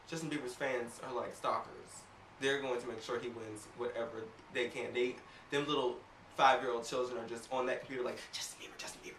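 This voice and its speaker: A woman casually reviewing an awards show in a sassy, animated, gossipy way, acting out quotes as she talks. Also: extremely low pitch, distant mic, a little hiss or hum. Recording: roomy, off-mic home recording.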